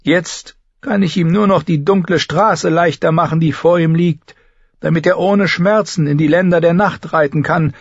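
Man voicing a sharp, ominous sorceress. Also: on the high side, normal speed, breathy edge, no echo, pitched above the performer's own voice. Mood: cool, knowing. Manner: cool, knowing, ominous. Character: sharp, proud older female healer-sorceress. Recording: slightly dull recording.

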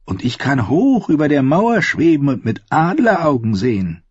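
A man voicing a meek, balding older skinchanger who speaks softly and mildly with quiet menace. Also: mid-range voice, sing-song, normal speed, husky, dry recording, voice pushed up. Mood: sinister. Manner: soft, mild, sinister. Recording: slightly dull, dry recording.

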